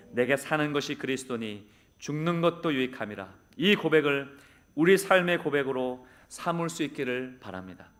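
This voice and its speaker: A man preaching as pastor, ending his sermon and leading a prayer in an earnest, measured, pleading way with small filler pauses, in a church. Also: medium pitch, a bit bright. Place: church sanctuary.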